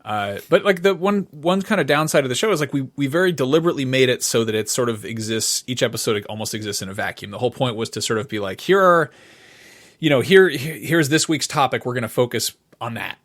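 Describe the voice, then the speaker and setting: A middle-aged podcast co-host chats casually, circling his point and repeating phrases as he thinks aloud. His mid-range voice is animated, fast and fairly bright.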